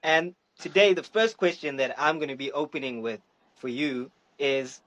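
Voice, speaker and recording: A man's voice: medium pitch, normal speed, a bit bright, low-quality recording. A man hosting a podcast, introducing his guest with playful hype and asking questions. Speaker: podcast host. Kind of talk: energetic podcast interview.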